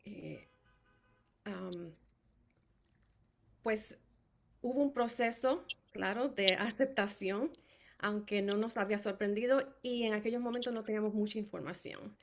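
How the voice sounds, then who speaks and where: A middle-aged Puerto Rican woman with a Puerto Rican Spanish accent speaks as a family caregiver, sharing a personal testimony full of fillers and restarts. Her voice is a little high and creaky, at a measured pace with long pauses.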